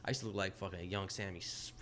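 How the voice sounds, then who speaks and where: A man's voice: low-pitched, fairly even intonation, fast. A young man hosting a casual podcast in a rambling, slangy frat-bro manner, swearing freely. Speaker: podcast host. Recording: faint background noise, room ambience.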